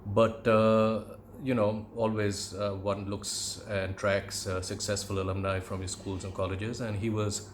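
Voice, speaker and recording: A middle-aged man from India with an educated Indian English accent, reminiscing in a conversational monologue with measured, hesitant phrasing. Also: fairly low pitch, little pitch movement, a little hiss or hum. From Calcutta, India. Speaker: podcast host, aviation commentator.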